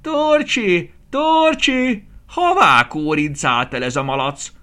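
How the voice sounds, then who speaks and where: A man voicing a fussy, short-sighted old grandmother who calls out and grumbles in a high voice. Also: sing-song, heavily acted. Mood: calling. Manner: high calling shouts, scolding.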